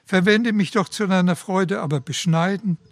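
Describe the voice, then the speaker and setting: A man voicing a humble bamboo tree in a read-aloud parable, pleading and then speaking in a hushed voice. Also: sits high, normal speed, no room sound.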